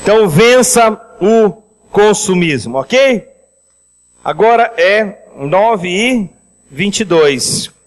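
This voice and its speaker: A man preaching a seminar on finances, lively and speaking directly to the congregation. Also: sits high, extremely slow, in a large hall, poor audio. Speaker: pastor leading a finance seminar. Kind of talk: sermon with storytelling.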